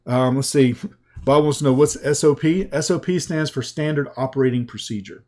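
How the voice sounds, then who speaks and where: In a laid-back webinar pitch, a Southern American man in the sales coach mold takes his time, sounding folksy and conversational. He speaks slowly and now and then starts a sentence over.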